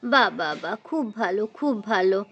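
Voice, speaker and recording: A woman voicing a kindly older village grandmother in a doll story, gently coaxing her daughter-in-law. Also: mid-range voice, animated, normal speed, lo-fi sound, a little hiss or hum, lightly acted. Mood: gentle.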